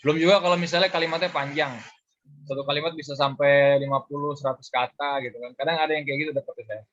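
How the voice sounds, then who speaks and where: A man's voice: a little high, steady tone, fast talker, fairly bright tone, no echo. Guy on a webinar call asking stuff, lots of ums, dry dull audio. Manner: hesitant, searching for words. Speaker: webinar participant asking a question. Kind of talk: casual question on a call.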